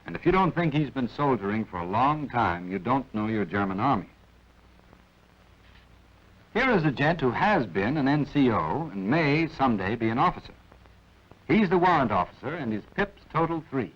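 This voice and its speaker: A man with an American accent narrates a 1940s military training film, instructing in a clipped manner with wry asides. His medium-pitched voice is sing-song and moves at a normal speed. The audio is a dull, band-limited vintage film soundtrack.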